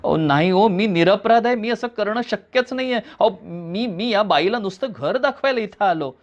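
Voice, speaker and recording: A man reading aloud voices a panicked, innocent man shouting that he is not the murderer. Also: high-pitched, expressive, moderate pace, voice pushed up. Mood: frantic. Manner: frantic shouting, desperate. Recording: dull lo-fi recording.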